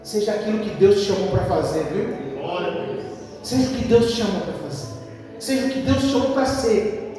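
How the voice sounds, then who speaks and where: High-voiced preacher in an echoing hall. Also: male voice, lively intonation, moderate pace. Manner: emphatic, repetitive, addresses listeners as brother. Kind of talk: sermon. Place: church. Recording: echoey hall from far off, music behind.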